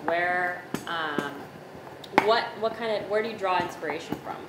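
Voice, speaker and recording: A woman's voice: lowish voice, normal speed, very noisy. A woman in her thirties hosting a cooking chat, talking casually with many restarts, recorded by a far camera in a home kitchen. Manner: chatty, many likes and restarts. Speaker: host. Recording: distant echoey kitchen with loud clatter.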